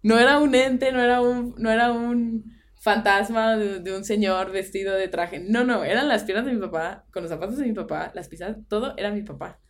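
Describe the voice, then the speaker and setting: Here a podcast co-host, a young woman with a Mexican Spanish accent, tells an eerie personal tale in an easygoing conversation. Her mid-range voice moves fairly quickly, and English phrases pop up now and then.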